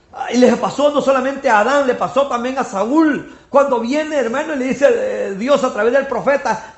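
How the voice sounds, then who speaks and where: Man, preacher, sermon, very high voice, folksy, repeats himself, echoey church. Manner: folksy, repeats words, asks "¿verdad?" often. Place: church hall.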